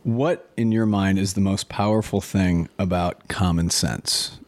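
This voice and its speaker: Deep-voiced easygoing male host. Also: measured pace, no echo. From Minnesota. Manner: affirming, easygoing. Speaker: interview host. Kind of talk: conversational interview.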